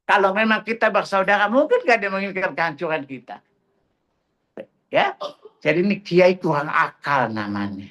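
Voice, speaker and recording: A man's voice: high-pitched, expressive, moderate pace, a bit bright. A middle-aged man preaching in a religious study class, firing rhetorical questions at his listeners in a mocking, combative manner.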